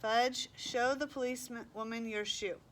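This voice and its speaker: A woman reading a storybook's father, a grown man who is firm and slowly losing patience. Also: fairly high pitch, fairly even intonation, a bit bright, slight background noise. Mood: exasperated. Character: weary adult male father, patient then strained.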